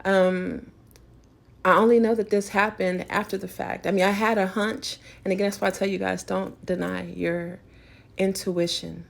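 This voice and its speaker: A woman's voice: medium pitch, level tone, moderate pace, creaky. A woman vlogger delivering a spiritual rant, emphatic and preachy, rambling with frequent restarts.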